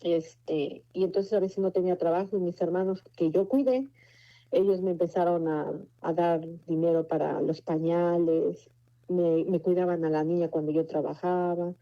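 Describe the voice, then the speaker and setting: Earnest Mexican woman telling her story. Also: lowish voice. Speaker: testimony speaker. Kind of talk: personal faith testimony. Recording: muffled lo-fi recording.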